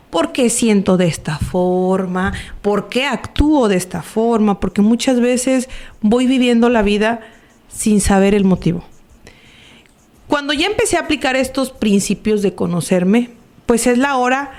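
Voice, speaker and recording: A woman's voice: medium pitch, a little mellow. A woman speaking on the radio as an Al-Anon member. She talks in a reflective, confiding way and keeps checking in with her listeners. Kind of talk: personal testimony on a radio talk show.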